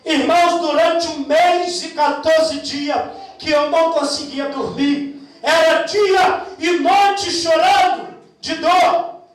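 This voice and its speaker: A Brazilian man with a Brazilian Portuguese accent, a deacon, shouting his testimony fervently to the congregation in a sermon. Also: very high-pitched, fairly even intonation, slow. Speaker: deacon preaching. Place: large echoing church. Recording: echoey church hall, far from the mic.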